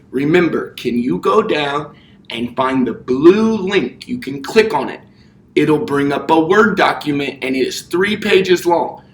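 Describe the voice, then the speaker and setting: Young male P.E. teacher, kids show host delivery, higher-pitched, recorded from across a roomy classroom. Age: young adult. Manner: kids show host, addressing children with simple repeated cues and questions; physically active while talking. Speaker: elementary P.E. teacher. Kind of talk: children's exercise lesson. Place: indoor classroom. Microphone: distant camera microphone. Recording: roomy, distant mic, faint noise.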